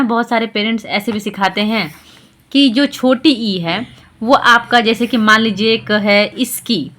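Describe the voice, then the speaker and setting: A woman gives a patient lesson at a medium pitch. She keeps repeating examples and checking in with little rhetorical questions. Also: fairly bright tone. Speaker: teacher explaining Hindi vowel signs to parents. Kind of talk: explanatory lesson.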